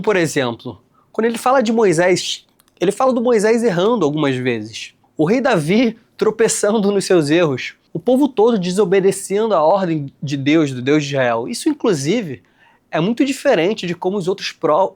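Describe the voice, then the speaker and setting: A young man from Rio de Janeiro, hosting a casual explainer and talking straight to his viewers in relaxed slang. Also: sits high, moderate pace. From Rio de Janeiro, Brazil. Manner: conversational, addresses viewers directly with slang. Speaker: host, licensed tour guide.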